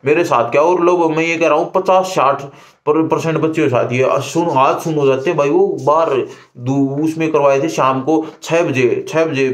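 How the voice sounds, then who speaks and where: A young man talks casually and repetitively from a room, giving advice like a vlogger to his viewers. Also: on the high side. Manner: chatty, repetitive, conversational advice. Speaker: exam candidate vlogger. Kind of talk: casual talk to camera. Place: indoor room.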